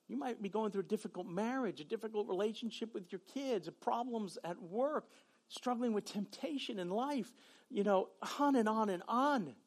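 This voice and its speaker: Impassioned Southern preacher man, high voice. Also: husky. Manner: impassioned preaching, swinging between shouts and quiet low talk. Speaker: pastor. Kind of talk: sermon.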